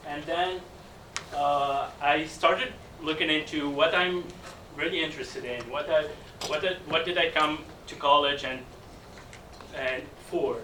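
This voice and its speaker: Young male student presenter from Tunisia, halting delivery, slightly raised pitch, echoey room. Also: steady tone, bright, forceful tone, slight background noise. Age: young adult. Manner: hesitant, many fillers. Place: lecture room. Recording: echoey room, mic from a distance.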